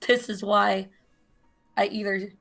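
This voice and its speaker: A woman in her thirties chatting casually as a podcast co-host, with a slight vocal fry in her voice. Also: mid-range voice, fairly even intonation, slow pace, a bit bright, soft background music. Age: 30s. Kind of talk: casual chat.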